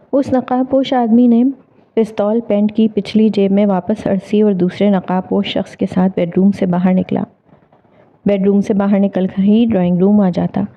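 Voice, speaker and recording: A woman narrating a dramatic novel in a measured, expressive storytelling manner. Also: medium pitch. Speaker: audiobook narrator. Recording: tinny phone-like audio.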